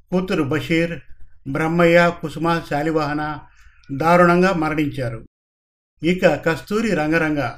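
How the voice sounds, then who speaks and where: Male storyteller with a slightly high voice. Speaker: narrator. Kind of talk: serialized story narration.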